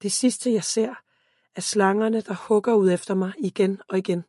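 A woman reading a first-person story aloud as an audiobook narrator, in a calm, steady voice. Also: medium pitch, husky, dry recording, clean studio sound.

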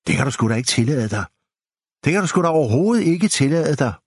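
A man reading an audiobook, voicing a touchy young woman with indignant, sharp retorts. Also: mid-range voice, sing-song, slightly rough, dry recording, studio quality, voice pushed up. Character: young woman, touchy and quick to take offense. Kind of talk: audiobook character voice.

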